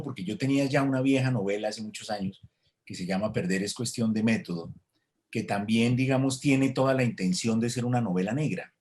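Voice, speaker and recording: A man, an author answering interview questions in a reflective way, with hesitations and restarts, over a video call. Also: on the low side. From Colombia. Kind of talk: thoughtful conversational answer.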